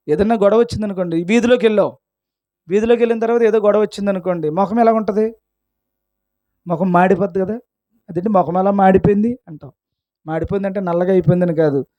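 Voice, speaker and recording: A male pastor with a very high voice delivers a sermon, recorded dry with no room sound. He pelts the listeners with rhetorical questions and answers each one himself. He brings in everyday voices to drive his points home. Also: darkish tone, dry recording. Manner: acts out quoted voices in everyday scenes.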